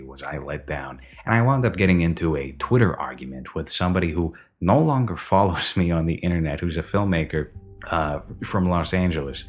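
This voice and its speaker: Man with echoey empty-basement reverb. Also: low-pitched. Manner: rambling, opinionated, self-correcting. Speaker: podcast host. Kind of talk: casual film review chat.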